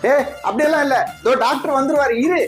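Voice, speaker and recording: A woman's voice: sits high, fast talker, soft background music, natural voice. A woman doing a timid, cowardly cartoon dad. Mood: soothing. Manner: nervous, dithering.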